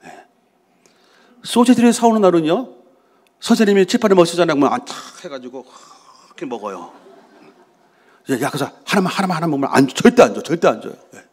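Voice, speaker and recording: A man's voice: sits high, lively intonation, fast talker, pauses often, slightly rough. A middle-aged man, preaching a sermon to his congregation as pastor in a conversational way, asking questions and answering them himself. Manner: acts out voices of quarreling people. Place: church sanctuary.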